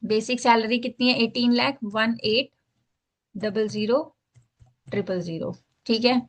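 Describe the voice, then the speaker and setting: A woman's voice: fairly high pitch, fairly even intonation, a little slow. A woman teacher walking students through a tax filing form step by step, mixing English phrases into Hindi and checking in often. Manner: explains step by step, repeats "ठीक है" to check in. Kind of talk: screen-share tax filing lesson.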